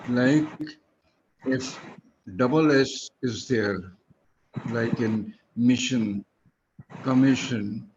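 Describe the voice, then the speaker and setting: A man's voice: medium pitch, extremely slow, long pauses, muffled recording, noisy background. A man teaching English pronunciation one-on-one, patiently spelling words out letter by letter. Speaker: English tutor.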